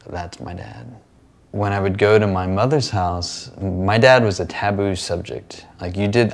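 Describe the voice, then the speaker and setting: Man, deep gravelly voice, documentary interviewee; fond, plain, conversational. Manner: fond, matter-of-fact recollection with casual fillers. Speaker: documentary interviewee, adult son. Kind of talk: reflective interview testimony.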